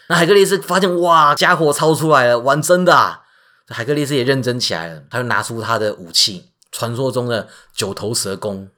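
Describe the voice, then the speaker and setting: Lively Taiwanese-accented man telling myths. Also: fairly low pitch. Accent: Taiwanese Mandarin. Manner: lively, jokey retelling of myths. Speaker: podcast host. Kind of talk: casual storytelling podcast.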